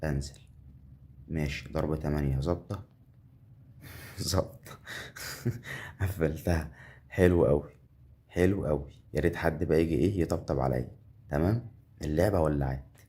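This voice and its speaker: A man with an Egyptian accent runs live gameplay commentary in a low, dark voice. He is chatty, counts his winnings out loud and keeps talking straight to the viewer. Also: a little fast, long pauses. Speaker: gambling game streamer.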